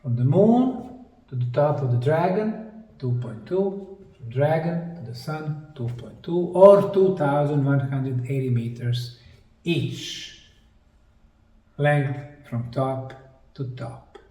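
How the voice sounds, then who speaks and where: An anthropologist delivers a slide lecture on sacred geometry in a mellow, slightly high voice. He speaks very slowly, laying out short, emphatic phrases separated by deliberate pauses. The mic is distant and the room is echoey.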